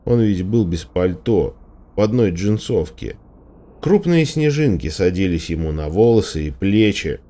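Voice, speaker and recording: A man reading a first-person story aloud as an audiobook narrator, steady and dramatic. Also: low-pitched, a little slow. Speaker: audiobook reader.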